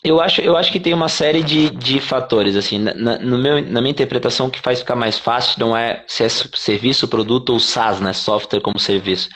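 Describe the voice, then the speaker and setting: A man from Brazil, a company CEO, talking casually in an interview, quick and animated, swearing freely and acting out what clients say. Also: mid-range voice. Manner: fast, animated explaining with swearing and acted-out quotes.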